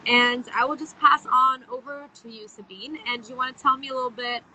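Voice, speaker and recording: A woman's voice: high voice, fairly even intonation, fairly quick, sharp tone, rough recording. A woman interviewer from a sports charity, talking outdoors by the sea in an upbeat, explanatory way. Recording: faint outdoor noise by the sea.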